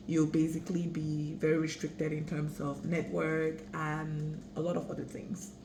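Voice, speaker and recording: A young woman from Cameroon giving travel tips in a casual, rambling vlog, often correcting herself. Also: sits low. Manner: chatty, rambling, self-correcting. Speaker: travel vlogger. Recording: echoey room with background noise.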